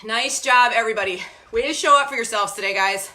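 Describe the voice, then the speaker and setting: A woman leads an online workout as a gym coach, breathless from exercise. Her voice is high and forceful, pushing listeners on with urgent, encouraging calls. The room around her rings with a strong echo. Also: fast. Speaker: fitness instructor leading a home workout. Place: echoey indoor room with hard floor at home. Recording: very echoey room, faint noise.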